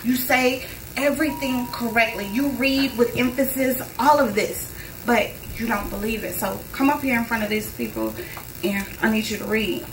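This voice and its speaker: A woman's voice: a little high, fairly even intonation, moderate pace, noisy background. A young woman speaking to a live audience before her performance, telling a personal story casually and repeating phrases for emphasis. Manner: conversational, repeats phrases for emphasis, talks to the crowd. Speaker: spoken word performer. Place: live concert venue. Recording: roomy live sound from a distance. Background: faint audience ambience.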